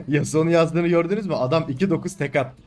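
A young man casually commentating his own gameplay, taunting and yelling at the screen, then calming down to explain his moves. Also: on the high side, a little fast. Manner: excitable, shouts and taunts at the game, swings between calm and loud.

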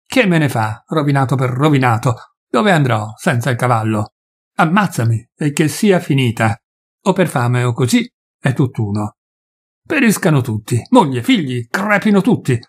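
A man voicing a desperate poor peasant who rages and pleads, his husky voice pushed high. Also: sing-song, normal speed. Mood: furious. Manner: shouting, raw and pleading.

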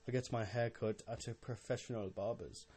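A young man, a little drunk, giving a casual, halting, rambling monologue with repeated words and some swearing, as a podcast host. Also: on the low side, fairly even intonation, a little mellow, husky. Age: young adult.

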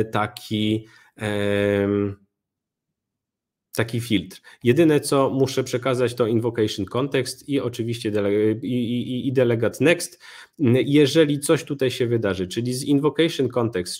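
Young male speaker, live coding demo from a small home room, relaxed, halting delivery. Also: medium pitch. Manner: relaxed, many fillers and restarts. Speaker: conference speaker.

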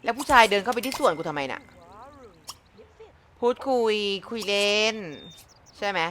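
A young woman casually commenting on her gameplay in an excitable, chatty way, with bursts of swearing. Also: mid-range voice, normal speed, a little hiss or hum. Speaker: game streamer.

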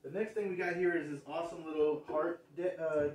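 Man, 30s, casual show-and-tell, slightly high voice, recorded far off in a roomy space. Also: fairly even intonation, brisk, a little mellow. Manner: rambling, restarts phrases, points out details. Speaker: thrift reseller showing a haul. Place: living room, indoors. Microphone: far camera. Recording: echoey room, far from mic.

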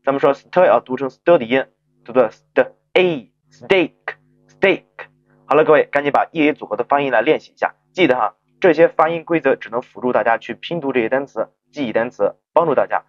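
A man teaching a phonics lesson at a middle pitch. He switches between brisk explanations and slow, stretched-out model words, often asking his listeners whether they follow. The recording is dry, with a muffled, dull sound. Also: no room sound. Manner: keeps checking in with rhetorical questions.

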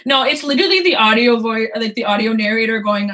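Bright-voiced woman chatting about books. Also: fairly high pitch, animated, fast. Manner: rambling, swears often, laughs a lot. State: sore throat. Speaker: book vlogger. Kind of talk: casual chat.

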